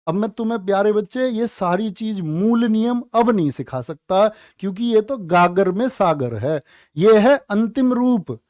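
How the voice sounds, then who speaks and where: A man leads a live online lesson in a high, bright-toned voice. He talks at an unhurried pace, teasing his students and drawing out each word he spells. The sound is dry and close. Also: dry recording. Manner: playful, teasing, drawn-out spelling of words. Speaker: Hindi teacher. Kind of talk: live online exam-prep class.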